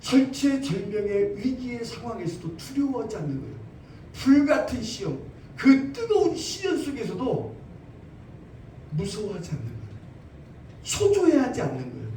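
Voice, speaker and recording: A man preaching as pastor in a church sanctuary has a very high, mellow voice whose pitch swoops wildly, at a normal speed. He's emphatic, repeats his phrases, and asks rhetorical questions, captured in a roomy, distant recording with slight background noise.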